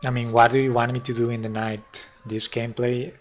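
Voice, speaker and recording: A man's voice: medium pitch, level tone, a little fast. A man commenting as he plays a mobile game on a live stream, wry and self-mocking, talking to himself and his chat.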